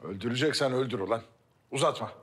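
An actor playing a tense captive who tries to calm his captor. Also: mid-range voice, fast talker, close to an everyday voice. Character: tense older captive trying to calm things. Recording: reverberant room.

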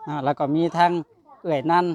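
A man's voice: on the high side, steady tone, fast talker. A man with a Lao accent, chatting casually as a vlogger presenting donated gifts, repeating himself and seeking agreement. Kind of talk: casual chat to a family and viewers.

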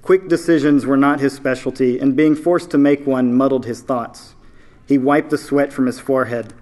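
A man, an author, reading his own fiction aloud at a live event in a measured storytelling manner. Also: medium pitch, fairly even intonation, darkish tone.

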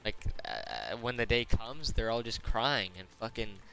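A man's voice: on the low side, very animated, a little slow, creaky, pushed and bright. A teenage man telling a storytime vlog, crude and slangy, swearing constantly and boasting. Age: teens. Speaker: gaming YouTuber.

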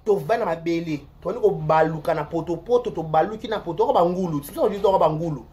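An online show host with a Congolese accent, giving rambling, animated gossip commentary that repeats words and swings between loud outbursts and mutters. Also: medium pitch, fast talker.

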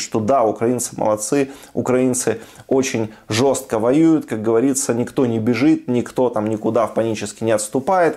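A man in his thirties delivers opinionated political commentary to camera at a medium pitch. He is emphatic, circling back to restate his points and adding short rhetorical tags as he goes. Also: darkish tone. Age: 30s.

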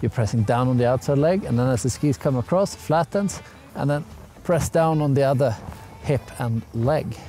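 A young ski instructor gives a casual lesson to camera outdoors on a mountain, with music playing behind him. His voice is mid-range and mellow, at a moderate pace.

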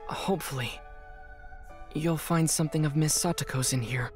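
A man's voice: on the high side, normal speed, roomy sound, over music, close to an everyday voice. A man playing an earnest, compassionate and determined teenage boy demon slayer in an anime game. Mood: gentle, sorrowful. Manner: earnest, resolute. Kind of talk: dramatic anime game voice acting.

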